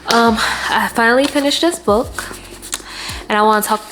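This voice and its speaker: A woman's voice: fairly high pitch, normal speed, background noise. A woman, chatting animatedly as a vlogger about her day and a book she read. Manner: chatty, animated, laughs often. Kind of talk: casual chat.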